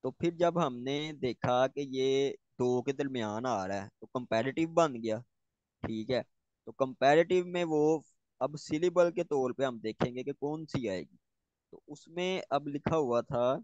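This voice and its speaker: A man's voice: mid-range voice, a little mellow, dry recording. Man, student, hesitant, thinks aloud, dry lo-fi sound. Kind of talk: asking questions in a lesson.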